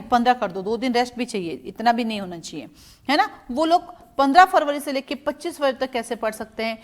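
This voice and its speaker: A middle-aged woman from India, a law exam coaching teacher, giving students direct, motherly strategy advice. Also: high-pitched. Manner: addresses students as "beta", direct advising tone.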